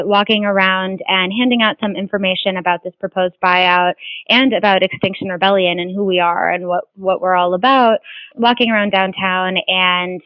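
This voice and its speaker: A woman with a mid-range voice, a climate activist, gives earnest, casual interview answers, rambling a bit and restarting sentences. The recording is dry and sounds tinny, like a phone line.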